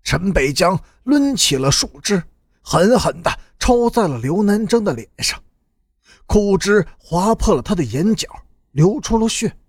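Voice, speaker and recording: A man narrating an audiobook with slow, dramatic storytelling. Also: sits high, very animated, breathy edge, no room sound, clean studio sound.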